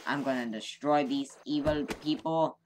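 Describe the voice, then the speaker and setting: A man's voice: medium pitch, fairly even intonation, unhurried, a little mellow, natural voice. A man voicing a belligerent, boastful monster king in an amateur game skit, blunt and bullying. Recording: noisy home recording with clicks.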